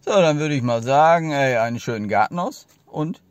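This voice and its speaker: A man's voice: on the high side, expressive, normal speed, no room sound. A man in his forties chatting casually and ramblingly to a phone held at arm's length inside a car. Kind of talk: casual rambling chat to camera.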